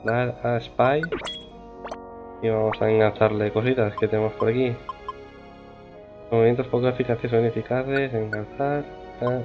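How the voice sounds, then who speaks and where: A man's voice: medium pitch, measured pace, long pauses, narrow, tinny audio. Man muttering over gameplay. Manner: relaxed muttering to himself. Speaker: gameplay streamer. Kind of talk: casual game commentary. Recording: game music over voice.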